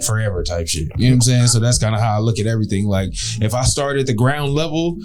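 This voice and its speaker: A man's voice: medium pitch, quick pace, a little mellow, faint music behind. A man in his late thirties, a podcast host and rapper, talking in a reflective, casual way, often checking in with the listener. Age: late 30s. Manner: reflective, leans on "you know what I'm saying".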